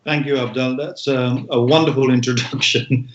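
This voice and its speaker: A man in his forties, born in Bangladesh, speaking as an interview guest in a reflective way, with frequent pauses and restarts. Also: medium pitch, fairly even intonation. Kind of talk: interview conversation. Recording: echoey room, dull sound.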